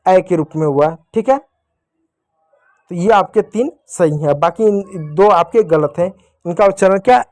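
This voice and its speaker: A man's voice: high voice, unhurried, darkish tone, no echo. A man with a Hindi accent teaching young children a phonics lesson, patient and repetitive, asking questions and answering them himself. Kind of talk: classroom lesson.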